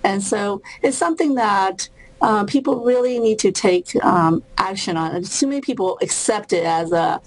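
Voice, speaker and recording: A woman from Burma, a cardiologist and author, talking as a guest over a video call, thoughtful with many pauses and restarts. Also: mid-range voice, poor audio.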